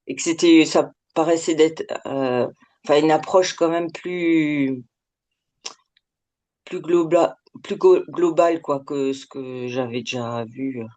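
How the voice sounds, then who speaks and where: A middle-aged woman speaks candidly as an anonymous interviewee, her voice artificially lowered by a pitch shift. She talks informally and hesitantly, letting sentences trail off into filler words. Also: slow, a little mellow. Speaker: interviewee giving an anonymous testimonial.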